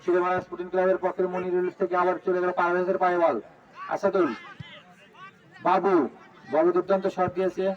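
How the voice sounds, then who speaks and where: High-pitched, rapid Bangladeshi man commentating football. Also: level tone, recorded from a distance, dull audio, a little hiss or hum. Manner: urgent, repeats names and calls. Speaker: live football match commentator and announcer. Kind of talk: excited running football commentary. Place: outdoors at a local football ground.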